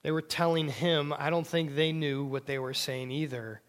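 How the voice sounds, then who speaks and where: A man preaching a sermon with emphatic delivery, dropping to hushed near-whispers on key words. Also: on the high side, fairly even intonation, normal speed. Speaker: pastor.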